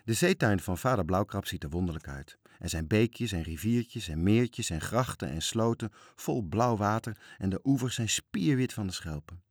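Male storybook reader, lowish voice, calm, close and dry. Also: normal speed, few pauses, husky, dry recording. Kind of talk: reading a children's story aloud.

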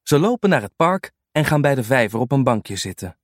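A man reading a children's storybook aloud in an animated, unhurried way. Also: mid-range voice, no room sound, studio quality.

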